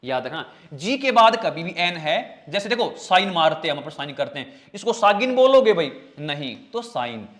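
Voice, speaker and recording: This man's voice is fairly high and a bit bright, with big pitch swings. He teaches English vocabulary in an online exam-prep class, joking around, addressing students as "bhai" (brother) and "beta" (child), and stretching every spelling out one syllable at a time.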